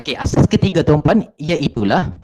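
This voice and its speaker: A man's voice: on the high side, sing-song, moderate pace, heavy background noise. A man teaches an online business class as a marketing trainer. He repeats his points, keeps addressing his listeners politely, and fills gaps with short "ha" and "eh" sounds. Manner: frequent filler sounds "ha" and "eh".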